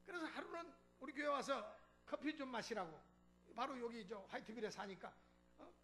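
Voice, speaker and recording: A man's voice: extremely high pitch, moderate pace, soft background music. A man preaching a sermon as pastor, telling a story and acting out the dialogue with chuckles. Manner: animated, acts out dialogue, chuckles. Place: church sanctuary.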